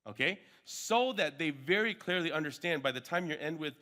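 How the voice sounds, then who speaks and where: A man's voice: a little high, expressive, normal speed, sharp tone. A man teaching a workshop group informally, often checking in with short tags and sometimes switching languages. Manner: switches between English and Hmong mid-talk; frequent check-in tags like okay and right. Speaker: workshop trainer teaching Bible discipleship.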